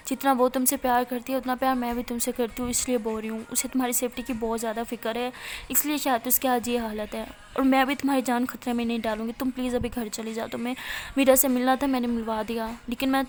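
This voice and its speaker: A woman voicing a devoted, protective young woman who speaks softly and coaxingly in a storytelling video. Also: on the high side, level tone, a little hiss or hum, natural voice. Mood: firm, gentle. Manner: soft-spoken, coaxing.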